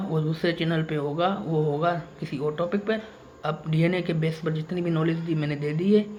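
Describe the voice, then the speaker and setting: Male vlogger, insistent and repetitive, faint background noise. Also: a little high. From Pakistan. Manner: repetitive and emphatic, circles back to the same points. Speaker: YouTuber. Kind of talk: casual vlog monologue.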